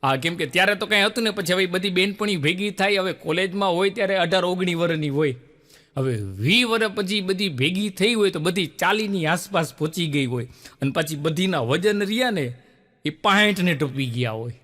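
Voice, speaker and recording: A middle-aged male comedian tells folk-style jokes in a high, bright, forceful voice. He jumps into the voices of his characters, then drops back into easy storytelling. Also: a little fast, in a large hall. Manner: lively storyteller, acts out characters with pitch jumps. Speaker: stand-up comedian telling jokes. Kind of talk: Gujarati folk-style joke telling.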